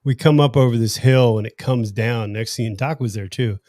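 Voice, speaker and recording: A man hosting a casual livestream, telling a story in an animated, joking way. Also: medium pitch, dry recording, clean studio sound. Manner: animated storyteller, quick jokes and laughs. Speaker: livestream host.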